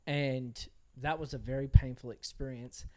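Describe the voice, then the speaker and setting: A man's voice: mid-range voice, steady tone, moderate pace. A young Australian man co-hosting a podcast, telling stories in a laid-back, casual chat. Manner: storytelling, laid-back, says "bro" and "man". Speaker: podcast co-host.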